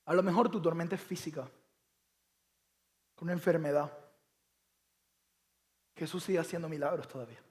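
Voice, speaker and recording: Male pastor, high voice, animated sermon delivery, emphatic rhetorical questions. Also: normal speed, pauses often.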